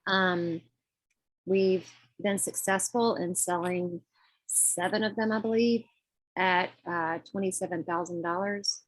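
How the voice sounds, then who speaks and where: A woman presents a budget report to a group call. Her voice sits a little low and sounds dry, with little room. She is courteous and informal, pausing hesitantly as she goes. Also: fairly even intonation, no room sound, rough recording. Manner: polite, informal, hesitant with frequent pauses. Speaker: finance committee treasurer presenting budget report. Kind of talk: semi-formal financial presentation on a group call.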